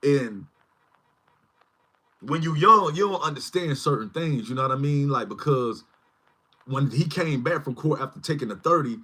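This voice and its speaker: A man's voice: medium pitch, expressive, normal speed, long pauses, bright, forceful tone. A man in his forties hosting a casual livestream, rambling and often asking "you know what I mean". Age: 40s. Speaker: channel host.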